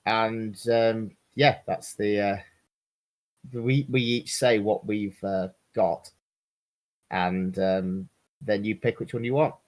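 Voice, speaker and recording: A man at a tabletop game explaining the rules and pitching an idea, hesitant and a little apologetic. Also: steady tone, slow. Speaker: player.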